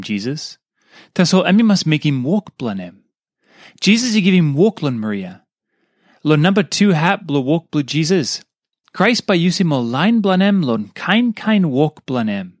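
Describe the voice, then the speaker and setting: A man's voice: a little high, no room sound, clean studio sound. A man with a Papua New Guinean accent reading a scripted devotional. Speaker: devotional reader. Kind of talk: scripted devotional narration in Tok Pisin.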